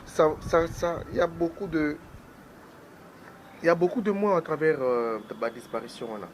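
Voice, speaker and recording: A man giving political commentary as a guest on a talk show, talking in an animated way and switching between French and Lingala. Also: fairly high pitch, moderate pace, a little hiss or hum, low-quality recording.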